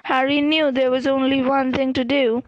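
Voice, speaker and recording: A woman reading a fantasy novel aloud in a measured, careful way. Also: high voice, level tone, no room sound, dull audio. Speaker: audiobook reader. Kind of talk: fiction read aloud.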